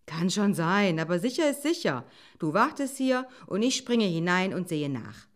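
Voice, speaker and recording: Woman voicing a fox, eager, brisk, quick-witted, urgent, raised pitch. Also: sing-song. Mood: urging.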